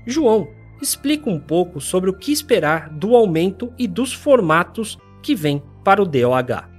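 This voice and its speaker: Podcast narrator, scripted, measured, breathy voice, faint music behind. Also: mid-range voice, big pitch swings. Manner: measured, reads introductions of guests.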